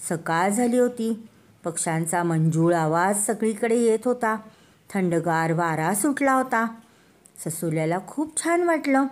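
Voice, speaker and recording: An older woman telling a children's story in a slow, sing-song way, addressing the kids directly. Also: medium pitch, a little mellow. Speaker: storyteller grandmother.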